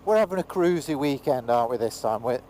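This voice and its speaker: Riding outdoors on a moving motorbike, a New Zealand-accented travel vlogger trades joking, teasing banter in casual chat. His mid-range voice is expressive, quick and dark, picked up by helmet audio amid engine and road noise.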